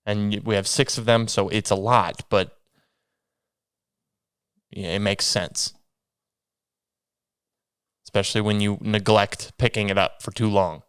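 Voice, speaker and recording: A young man rambles through his solo podcast with a sniffly, blocked-up nose, poking fun at himself and circling back to restart his thoughts. The voice sits on the low side and sounds smooth, in a dry, clean studio recording.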